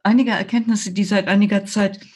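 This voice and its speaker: Older female yoga teacher, husky, measured guest explainer. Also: mid-range voice, steady tone, a little mellow. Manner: slow, measured explaining with frequent hesitations. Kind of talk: explanatory interview talk.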